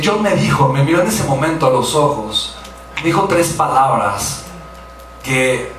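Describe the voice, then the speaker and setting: A Mexican man delivers a motivational talk in an animated storytelling manner, acting out the voices of people he quotes. His voice sits on the higher side. He is picked up from a distance in a very echoey hall with a faint hiss underneath. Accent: Mexican Spanish. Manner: animated, acts out quoted voices, frequent tag questions. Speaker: motivational speaker.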